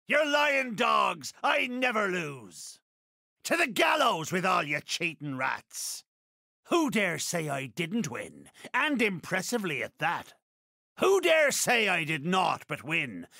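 An actor playing a boastful, vengeful pirate captain in a video game, with a raspy voice, archaic pirate dialect and theatrical, drawn-out delivery. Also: male voice, a little high, sharp tone, no echo, studio quality, full character voice. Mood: furious, threatening. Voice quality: gravelly, raspy. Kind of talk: video game character voice acting.

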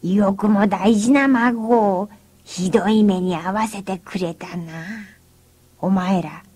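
A woman voicing a stubborn old village grandfather who speaks gruffly in an old man's dialect. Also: medium pitch, takes it slowly, a little mellow. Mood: menacing.

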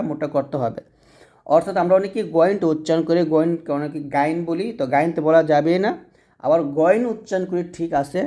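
A man with a dark, mellow tone gives a lesson on pronouncing letters. He explains patiently and repeats each point, drawing out the letter sounds as he demonstrates them. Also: fairly high pitch. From Bangladesh. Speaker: Quran reading teacher.

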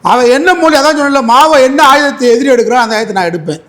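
A man's voice: very high voice, lively intonation, fast talker, a bit bright. A man speaking as an advocate in a heated political interview, combative and mocking, repeating his points.

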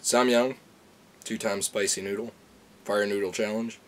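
A young adult man, a food challenge vlogger, chats in a laid-back, rambling, sweary way thick with slang, at home in a kitchen and small room. His lowish voice is steady, unhurried and a bit bright. He films on a handheld phone, later switching to a camera on a desk.

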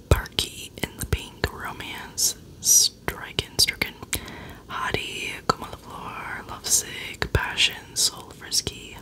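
A woman in her twenties gives a casual ASMR chat entirely in a hushed whisper. Her delivery is unhurried, with pauses between short phrases. The breathy, voiceless sound sits close to the microphone. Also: poor audio. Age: 20s. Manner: whispering throughout, unvoiced and hushed. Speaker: ASMR video host. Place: small dim bedroom, indoors.

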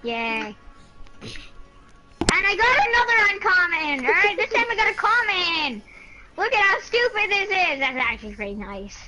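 Bright excitable woman gamer. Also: extremely high pitch, unhurried, faint music behind, low-quality recording. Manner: excitable, teasing, repeats herself. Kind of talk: casual gameplay chat. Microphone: headset mic.

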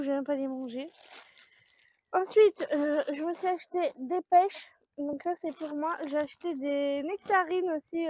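Chatty woman vlogger, high voice, rambling, dry muffled recording. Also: a little mellow, no room sound. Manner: chatty, rambling, with many fillers and laughs. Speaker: vlogger showing her grocery haul. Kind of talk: casual chat to camera. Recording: dry, dull lo-fi sound.

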